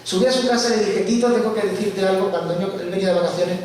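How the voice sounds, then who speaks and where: A man giving a church testimony, telling his story with animated, acted-out dialogue. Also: high voice, fast talker, crowd noise. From Spain. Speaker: guest speaker giving testimony. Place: large church hall. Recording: echoey church hall from far off, faint hiss.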